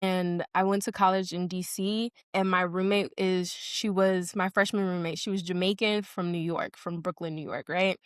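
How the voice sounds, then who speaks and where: A young woman who grew up between Colombia and Houston, a podcast guest telling stories in a loose, animated way, laughing often and saying "like" a lot. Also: on the low side, normal speed, hardly any pauses, clean tone, dry recording, clean studio sound. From Colombia, raised in Houston. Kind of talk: casual podcast conversation.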